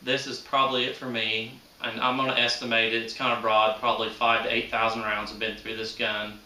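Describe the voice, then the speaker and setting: A bright, forceful, medium-pitched voice keeps a level tone and runs a little fast. It belongs to a 30s-aged shooting hobby channel host chatting casually and unscripted to viewers, folksy and colloquial with rural grammar, captured by a far-off mic in a room with plenty of echo.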